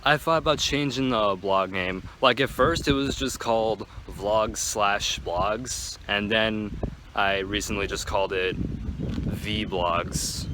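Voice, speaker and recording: A man's voice: lowish voice, takes it slowly, bright, forceful tone, slight background noise. A teenage male vlogger chatting casually and in a rambling way, with lots of "like", while walking outdoors in a park. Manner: rambling, filler-heavy with "like". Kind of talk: casual outdoor vlog chat.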